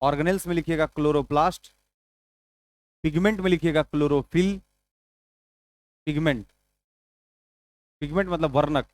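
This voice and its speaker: A man's voice: fairly high pitch, no echo. A male teacher giving an exam-prep biology lecture, repeating key points and dictating notes, asking and answering his own questions.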